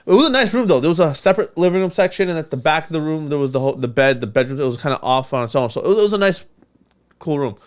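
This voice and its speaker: A man spins a story in casual podcast talk. He swears often and acts out the voices of the people in his tale. His voice sits fairly high for a man. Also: very fast. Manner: animated, profane, acts out quoted voices. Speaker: podcast co-host.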